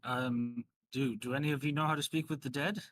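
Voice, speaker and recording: A man's voice: medium pitch, fairly even intonation, brisk, fairly bright tone, dry recording, natural voice. A man voicing a rambling, hesitant professor with a formal, polite manner in a tabletop game. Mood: hesitant, explaining. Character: rambling, polite male professor at a draconic college.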